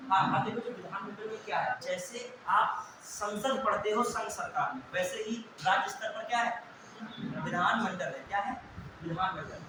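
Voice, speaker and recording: A young man teaching a class, with a fairly high voice, firing recall questions at his students and then supplying the answers himself. He is heard from a distance in a very echoey room. A steady hiss sits under the recording. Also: moderate pace.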